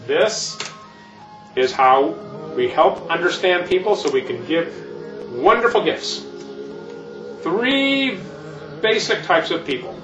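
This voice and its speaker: A man's voice: fairly high pitch, sing-song, slow, pauses often. A man playing Santa Claus as an older keynote speaker, explaining things in a folksy, meandering way. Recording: echoey, distant, muffled, music behind.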